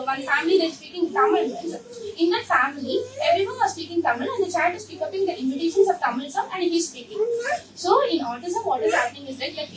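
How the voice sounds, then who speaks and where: A high-pitched woman with a South Indian accent gives an explanatory talk to parents. She repeats her points emphatically and poses questions as she goes. The recording is distant and echoey, with clear noise behind her. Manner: repetitive, emphatic, with rhetorical questions. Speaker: speech therapist addressing parents. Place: echoey room at a group session. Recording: echoey, noisy room, far from mic.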